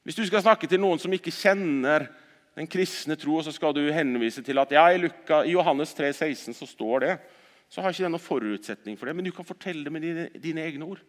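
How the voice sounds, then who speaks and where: A man preaching a sermon at a church service, swinging between loud exhortation and quiet earnest talk, often repeating words as he restarts sentences. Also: fairly high pitch, big-room sound.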